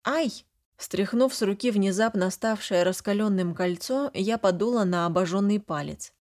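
A woman's voice: medium pitch, normal speed, a little mellow. A woman narrating a first-person fantasy audiobook, flustered and emotional in the heroine's lines.

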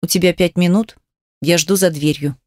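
Woman reading a bossy husband, low curt orders, dry close sound. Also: fairly even intonation, moderate pace, darkish tone, no room sound, close to an everyday voice. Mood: stern. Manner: curt, commanding. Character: stern domineering young husband.

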